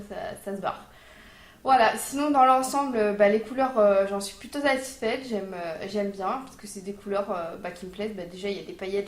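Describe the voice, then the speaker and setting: A woman talks through a makeup review in a relaxed, informal way, leaning on fillers and slang. Her voice sits a little high. The room around her gives it a noticeable echo. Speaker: beauty vlogger.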